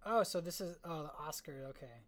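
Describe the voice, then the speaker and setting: Amused woman with a lowish voice. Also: lively intonation. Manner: amused, quick to laugh, chatty. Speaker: podcast co-host. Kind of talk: casual movie chat.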